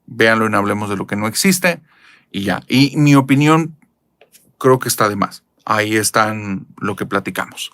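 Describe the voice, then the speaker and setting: A man's voice: moderate pace, dry recording. A man from Nuevo León with a Monterrey accent, chatting expressively as a channel host while reading viewer comments. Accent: Northern Mexican (Monterrey). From Mexico, Nuevo León. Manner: expressive, chatty, lively pitch jumps.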